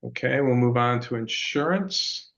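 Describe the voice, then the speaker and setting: A man with a creaky, gravelly voice chairs a formal meeting over a conference call. He reads through items in an informal, halting way. The sound is dull and choppy, as if through a remote speaker. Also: mid-range voice, flat delivery, a bit bright. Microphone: remote call through a computer or desk speaker.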